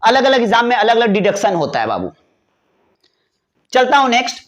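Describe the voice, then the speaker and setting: A man teaches English grammar words. He talks in a chatty, playful way, spelling each word out letter by letter and stretching the key words slowly. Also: very high-pitched, sing-song, a bit bright. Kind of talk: classroom lesson explaining vocabulary.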